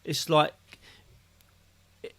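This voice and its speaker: A man's voice: extremely slow, fairly bright tone. A man co-hosting a podcast, chatting casually and ribbing his co-host, swearing freely. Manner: joking, banter-heavy, swears freely. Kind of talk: casual chat.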